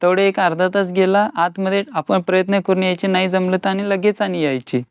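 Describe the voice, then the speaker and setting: A man's voice: high-pitched, fairly even intonation, a little fast, clean tone, dry recording. A young man recounting family memories in a plain, matter-of-fact way as an interviewee. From Khanapur, Belgaum, India.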